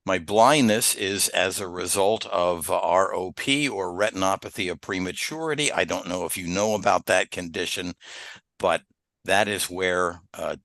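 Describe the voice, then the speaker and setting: A man in his seventies from the Philadelphia area, telling his life story as a podcast guest at an unhurried pace with many "uh" pauses. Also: low voice, fairly bright tone, dry recording. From Philadelphia area, USA. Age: 70s. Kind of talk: relaxed interview storytelling.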